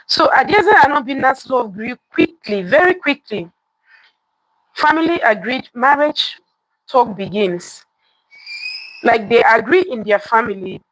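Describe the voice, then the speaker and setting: A woman with a fairly high, animated and fairly bright voice speaks a little slowly, leaving long pauses, in a low-quality recording with no echo. She hosts live storytelling, addressing viewers with a folktale, asking them questions and repeating lines for emphasis.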